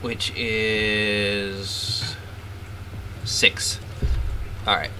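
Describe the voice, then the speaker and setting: A man playing a tabletop game, expressive and prone to exclaiming. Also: on the low side, extremely slow, slight background noise. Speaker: player.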